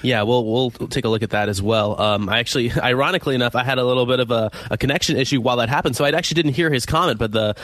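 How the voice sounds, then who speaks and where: A man's voice: mid-range voice, rapid-fire, few pauses, fairly bright tone, no echo. A man co-hosting a radio show in a light, chatty style with joking, playful patter. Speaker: radio co-host.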